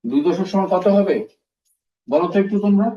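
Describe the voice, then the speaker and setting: A man teaching a recorded primary school math lesson in a classroom, with a fairly high voice. He works through each step slowly, repeats the terms and keeps putting questions to the pupils. He sounds distant from the mic, in an echoey room, with a dull, muffled tone. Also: animated, mellow.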